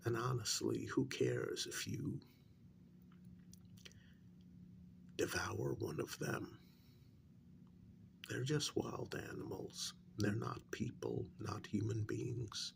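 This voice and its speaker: In a soft-spoken ASMR role-play, a man plays a calm government agent questioning a captured werewolf, his breathy voice often close to a whisper as he coaxes quietly and with measured care. His pitch sits on the low side and the delivery is exaggerated, with a calm, matter-of-fact mood. Slight background noise is present.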